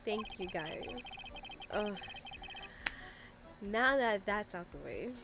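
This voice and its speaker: A woman's voice: medium pitch, expressive, takes it slowly, creaky, very noisy. A young woman streaming a game from her room, chatting on a desk microphone in a chatty, exasperated way, full of "like" fillers. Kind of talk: casual livestream chat. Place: room at home.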